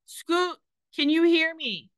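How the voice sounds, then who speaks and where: A woman reading aloud, voicing an older brother who shouts urgent instructions to his trapped sister. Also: on the high side, a little slow, no echo, pitched above the performer's own voice. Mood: frantic.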